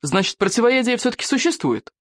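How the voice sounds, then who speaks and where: A man's voice: extremely high pitch, very animated, fairly quick, no echo, clean studio sound, voice pushed up. A man voicing an eager, anxious young boy who asks earnest and urgent questions.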